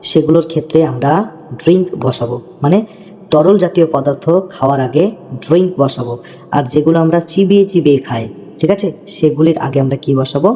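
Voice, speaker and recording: A man teaching English phrases in a slow, patient lesson, repeating words and checking that his students follow. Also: a little high, mellow. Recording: dull lo-fi audio with long reverb.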